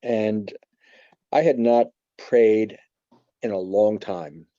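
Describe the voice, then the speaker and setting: A man in his seventies from New York, telling a personal faith testimony in a reflective, halting way with many pauses. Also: on the low side, mellow, no echo, lo-fi sound. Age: 70s. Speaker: church member giving testimony.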